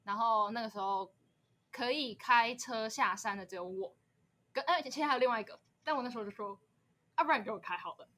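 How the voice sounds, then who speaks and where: A young woman in her twenties with a Taiwanese Mandarin accent, co-hosting a podcast and telling a story in a quick, chatty way. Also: fairly high pitch, bright, forceful tone. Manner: quick, chatty, setting up background details. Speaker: podcast co-host. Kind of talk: casual storytelling chat.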